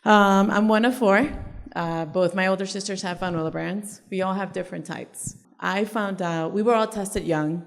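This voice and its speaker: A woman's voice: medium pitch, moderate pace, gravelly. A woman from Ecuador sharing her own story in a live group discussion, candid and emphatic. She is heard in a conference hall with a long reverb. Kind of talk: personal testimony in a group discussion. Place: conference room at a live event.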